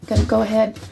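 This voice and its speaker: A woman's voice: medium pitch, creaky, noisy background. A woman hosting a casual cooking video in her home kitchen, rambling in a chatty way and calling her viewers y'all. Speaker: home cook, channel host.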